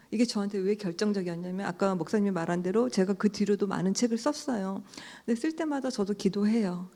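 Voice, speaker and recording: A middle-aged woman, an author, telling a story to an audience at a book talk, animated, sometimes dropping to a hush. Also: mid-range voice. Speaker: author speaking at a book concert.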